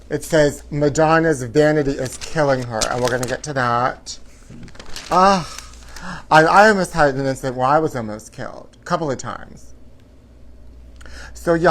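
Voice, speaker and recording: A man's voice: fairly high pitch, a bit bright. Sassy, campy male livestream host. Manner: sassy, campy drag-queen-like delivery. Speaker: host of a live tabloid gossip show. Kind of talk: casual livestream chat to viewers.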